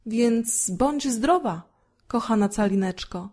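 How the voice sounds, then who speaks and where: Woman doing kindly female swallow, warm lifted voice, mellow tone, storybook. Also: on the high side, a little slow. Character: female swallow, gentle and grateful. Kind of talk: storybook reading.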